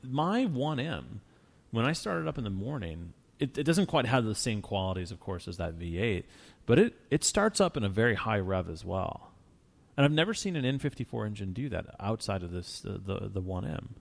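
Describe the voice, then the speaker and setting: A man with a low, gravelly voice chats easily as a show host. He rambles through his stories and often restarts his sentences. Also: moderate pace. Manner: relaxed, rambling storyteller with many restarts. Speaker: podcast host. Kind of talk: casual car chat.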